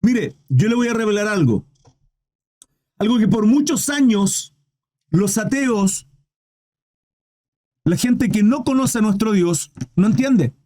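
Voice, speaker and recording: A man's voice: sits high, animated, takes it slowly, long pauses, mellow. A man preaching a sermon with fervent, questioning delivery, often calling listeners "brother".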